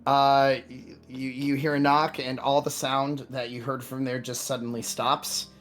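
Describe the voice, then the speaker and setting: Halting male game master over music. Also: medium pitch, flat delivery, a bit bright. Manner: halting, repeats words. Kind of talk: improvised tabletop game narration. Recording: background music under voice.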